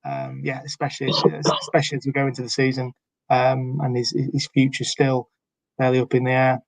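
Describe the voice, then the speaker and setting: A man's voice: mid-range voice, monotone, fairly quick, vocal fry, no echo. A man co-hosting a casual sports podcast chat, hesitant with many fillers and restarts. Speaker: podcast co-host.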